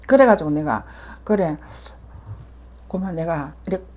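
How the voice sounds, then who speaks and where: A woman's voice: lowish voice, animated, a little slow, dark tone. Older Gyeongsang woman telling her story. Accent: Gyeongsang Korean. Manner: vivid retelling with many fillers, acting out others' words. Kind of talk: casual storytelling.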